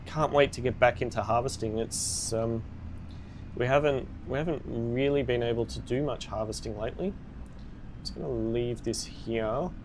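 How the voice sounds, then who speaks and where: A man's voice: medium pitch, moderate pace, background noise. A man streaming a game live, chatting casually with viewers and reacting with upbeat exclamations.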